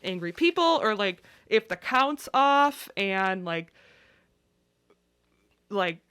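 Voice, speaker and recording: A woman co-hosting a podcast, speaking at a middle pitch. She vents about her job in a weary, tired-out tone. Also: very animated, slow, bright, forceful tone, clear, resonant tone. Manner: venting, weary storytelling. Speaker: podcast co-host. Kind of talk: casual chat.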